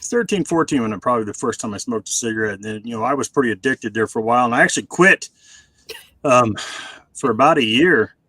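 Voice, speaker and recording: A man's voice: mid-range voice, lively intonation, quick pace, bright, forceful tone, slightly rough, no room sound, poor audio. A man in his forties chatting casually on a video call, rambling with many fillers and restarts. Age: 40s.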